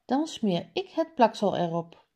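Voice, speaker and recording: A woman doing an eager high-voiced little girl. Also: big pitch swings, unhurried, dark tone. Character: cheerful young girl helping decorate.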